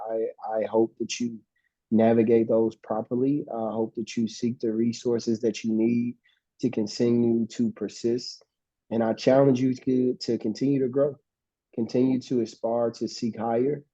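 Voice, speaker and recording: A man's voice: medium pitch, mellow, no room sound. A man speaking as a guest to students, giving motivational advice in an earnest way that repeats his urgings. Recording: dull, dry, muffled mic.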